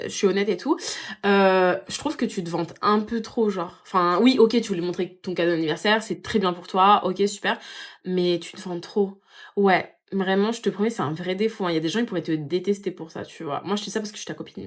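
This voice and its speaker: A woman's voice: medium pitch, brisk. A young woman performing comedic sketch monologues in a chatty, sarcastic way with lots of fillers. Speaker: comedy skit creator. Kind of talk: comedic sketch monologue playing all parts.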